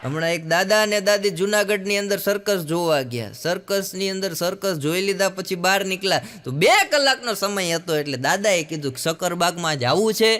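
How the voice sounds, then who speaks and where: Bright, high-voiced Kathiawari comedian. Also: male voice, normal speed, few pauses. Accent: Kathiawari Gujarati. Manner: lively storyteller, putting on other people's voices. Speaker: stand-up comedian. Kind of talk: Gujarati stand-up joke telling.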